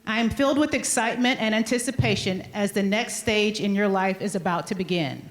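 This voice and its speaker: A woman principal giving a measured, formal podium speech, reading a scripted ceremonial welcome. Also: mid-range voice. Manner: formal, measured address to an assembly. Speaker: high school principal.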